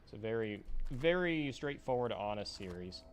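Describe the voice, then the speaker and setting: A man streaming a game, chatting casually and relaxed, with frequent fillers. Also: fairly low pitch, normal speed. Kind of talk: casual chat while gaming. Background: game music.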